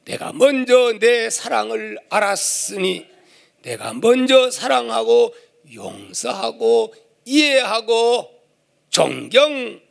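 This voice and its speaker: A man voicing God as a calm, gentle father figure who speaks slowly, low and solemn. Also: gravelly, exaggerated voice. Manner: slow, low, soft-spoken and solemn.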